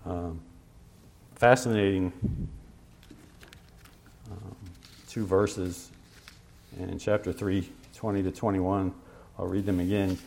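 With pauses and fillers, a pastor talks his congregation through a sermon conversationally, slowing down to stress the scripture references. He has a low, darkish voice with fairly even intonation and vocal fry.

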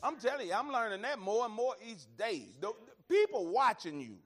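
A man with a high, very lively voice leads a Bible study. He talks in a folksy, emphatic way, circling back over phrases and addressing his listeners directly as he preaches. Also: normal speed. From Alabama, American South. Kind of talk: conversational sermon and Bible teaching.

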